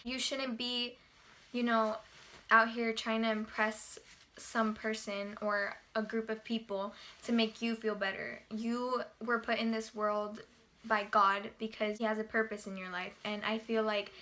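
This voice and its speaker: A young woman talks straight to her camera in a relaxed vlog, earnest and full of filler words. Her voice sits a little high and rings bright and forward. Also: a little slow. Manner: earnest, chatty, heavy use of fillers like "you know" and "like". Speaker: vlogger. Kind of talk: casual talking-to-camera vlog.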